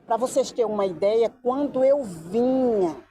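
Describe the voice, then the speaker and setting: A woman's voice: fairly high pitch, normal speed. A woman from telling a story casually outdoors by the beach, acting out the voices she quotes. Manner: lively, acts out quoted voices. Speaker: vlogger.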